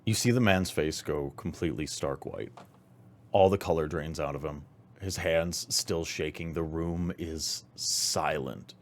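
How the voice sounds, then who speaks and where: A man narrating scenes as the game master of a tabletop role-playing game, in a measured way. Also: rumbling low.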